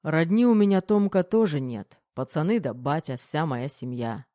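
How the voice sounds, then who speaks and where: A woman voicing a teasing, affectionate adult army major in an audiobook, reading his lines in her own low voice. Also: expressive, moderate pace, warm tone, dry recording, studio quality. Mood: matter-of-fact.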